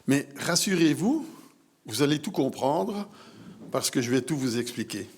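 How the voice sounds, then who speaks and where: An older man giving a prepared medical conference talk in a measured, literary way. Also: fairly high pitch, animated. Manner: measured, literary phrasing, clear delivery. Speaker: medical lecturer.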